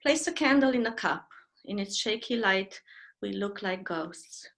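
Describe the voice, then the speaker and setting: Woman poet in her fifties, friendly intro, reads her own verse, middle pitch. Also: animated, a little slow, fairly bright tone. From Romania. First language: Romanian. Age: 50s. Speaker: poet reading her work. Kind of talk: poetry reading.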